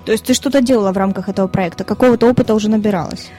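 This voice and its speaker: A woman hosting a business radio interview, asking quick, prompting follow-up questions over faint music. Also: mid-range voice, dark tone. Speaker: radio show host.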